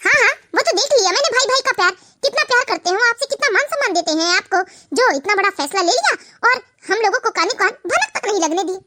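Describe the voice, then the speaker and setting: A woman's voice: very high-pitched, lively intonation, fast, few pauses, bright, forceful tone, heavily acted. A woman voicing a bitter, proud elder sister-in-law. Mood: indignant. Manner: indignant, scornful. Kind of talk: animated cartoon voice acting.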